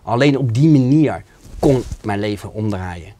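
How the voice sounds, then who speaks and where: A man's voice: on the low side, lively intonation, unhurried, warm tone, a little hiss or hum. Man, interview guest, earnest and emotional personal testimony.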